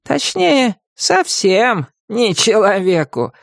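A man's voice: high-pitched, big pitch swings, takes it slowly, creaky, no room sound, clean studio sound, voice pushed up, exaggerated voice. A man voicing a wry, strict ghost grandmother, over sixty, in a storybook reading. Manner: wry, stern, schoolmarmish.

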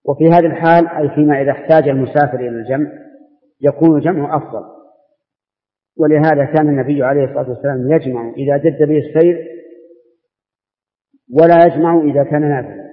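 An older man answers questions as a religious scholar, laying out each point slowly and methodically. His voice comes through a thin, phone-like old tape, wrapped in the long reverb of a large hall. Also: a little high, steady tone. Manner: measured, explanatory, restarts words. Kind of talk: open Q&A ruling session.

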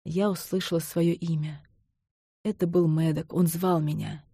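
A woman narrating a novel in the first person, in a measured, intimate storytelling manner. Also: on the low side, fairly even intonation, mellow, slightly rough, no echo, clean studio sound. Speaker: audiobook narrator.

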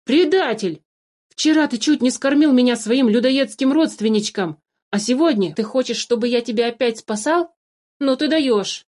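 A woman voicing a hot-tempered young boy who accuses and argues loudly. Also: mid-range voice, animated, normal speed, lightly acted. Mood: indignant. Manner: loud, indignant, accusing.

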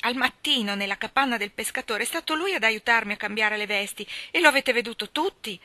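A woman voicing a distraught, impulsive young girl who cries out in a high, raised, urgent voice. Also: expressive, unhurried, pushed and bright, slightly rough, dry recording, full character voice. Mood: desperate.

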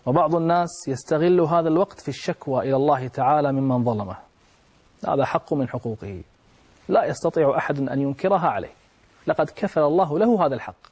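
A man delivering an Arabic religious sermon, dramatic, slowing for quoted prayers and verse. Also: fairly high pitch, a little mellow. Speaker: preacher.

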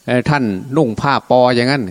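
A man's voice: medium pitch, level tone, fast talker, clear, resonant tone. A man preaching as a Buddhist monk, telling a scripture story in colloquial, unscripted speech and voicing the dialogue himself. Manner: colloquial, acts out dialogue in his own voice. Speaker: Buddhist monk giving a Dhamma talk.

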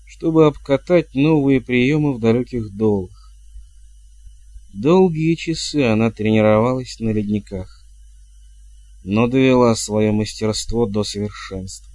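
A man reading an audiobook in a measured, steady narration. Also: mid-range voice, no echo. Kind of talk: scripted narration.

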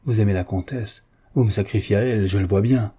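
A man's voice: on the low side, a little fast, dark tone, husky. A man voicing a proud, hurt young woman in disguise. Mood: hurt, pleading. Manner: pleading, reproachful.

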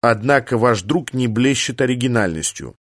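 A man's voice: mid-range voice, animated, moderate pace, fairly bright tone, no room sound, clean studio sound. A man reading an audiobook, voicing a curious, skeptical male engineer who asks wry questions. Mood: questioning.

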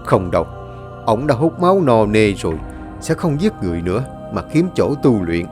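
A man's voice: on the low side, big pitch swings, moderate pace, darkish tone. A man voicing a stern old grandfather who lays out plans to hunt an evil spirit, with music playing behind. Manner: stern, commanding. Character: stern old grandfather, ghost-fighting sage. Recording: audiobook with new-age music behind.

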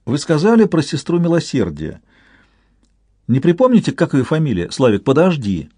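A man's voice: fairly high pitch, wildly swooping pitch, mellow, breathy edge, dry recording, pitched above the performer's own voice, exaggerated voice. A man voicing a stern, determined young woman who speaks firmly and coolly. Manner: firm, measured, cool.

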